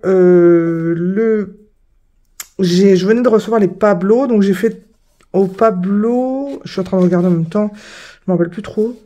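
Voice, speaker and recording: A woman's voice: mid-range voice, mellow. A woman casually presenting her finished coloring pages, hesitant, with many fillers and self-corrections. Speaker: coloring hobby vlogger. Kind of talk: casual show-and-tell.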